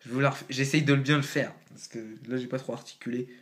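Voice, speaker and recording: A man's voice: medium pitch, little pitch movement, fast, fairly bright tone. A man giving a casual home-made tutorial, explaining rhymes in a slangy, loose way while thinking aloud. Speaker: amateur rapper explaining rhyme.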